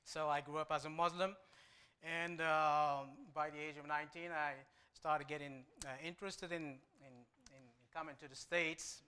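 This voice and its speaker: A man with a Moroccan accent, English not his first language, tells his conversion story from a church pulpit. His voice is bright, smooth and fairly high. He stumbles over repeated words and breaks in with small jokes. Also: level tone. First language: Arabic. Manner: halting, with frequent repeated starts and light humor. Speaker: guest preacher. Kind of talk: church testimony.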